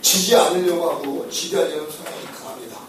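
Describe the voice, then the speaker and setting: A high-voiced man teaches a room full of listeners about personality types, lively and full of jokes, checking in with them again and again. The recording is distant and echoes hard around a hall. Steady noise sits beneath him. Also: fast talker. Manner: animated, joking, asks the audience for agreement. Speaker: lecturer. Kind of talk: personality-type lecture to an audience. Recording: echoey hall, voice from far off, noisy.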